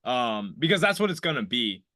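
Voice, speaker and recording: A man's voice: medium pitch, big pitch swings, a little fast, bright, forceful tone, no echo, clean studio sound. A man in his thirties from Iowa hosting a casual podcast interview, rambling and swearing freely, with lots of restarts. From Iowa, United States. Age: 30s. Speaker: podcast host.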